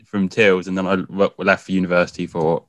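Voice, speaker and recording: A young man from England with a fairly low voice, chatting casually and making dry, wry remarks. The recording is very dry and close, with almost no room sound. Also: little pitch movement, brisk, fairly bright tone, dry recording. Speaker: podcast guest. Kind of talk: casual chat.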